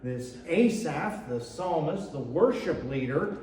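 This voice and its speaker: A man's voice: a little high, animated, slow, darkish tone, slight background noise. A male pastor giving a sermon in a church, reading scripture and adding casual, conversational asides. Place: church sanctuary. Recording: echoey church hall, mic from far off.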